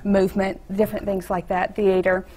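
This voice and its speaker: A woman speaks as a guest on a TV studio interview. Her voice sits at a middle pitch and she talks in a chatty, halting way. She is recorded on a lapel mic. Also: little pitch movement, mellow, slight background noise. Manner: chatty, halting with fillers and restarts. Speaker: art teacher. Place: TV news studio set, seated.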